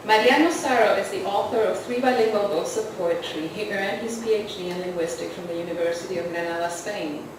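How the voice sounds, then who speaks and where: A woman's voice: medium pitch, a little fast, few pauses. A woman hosting a poetry reading and slideshow, introducing the evening in an earnest, somewhat rambling way. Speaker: host and anthology editor. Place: literary arts center event hall. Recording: roomy, distant, noisy hall recording.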